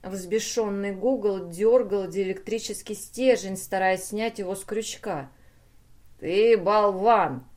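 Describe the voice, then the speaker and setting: A woman's voice: mid-range voice, steady tone, measured pace, hardly any pauses, warm tone. A woman narrating a humorous science-fiction story aloud, reading expressively. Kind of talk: audiobook narration.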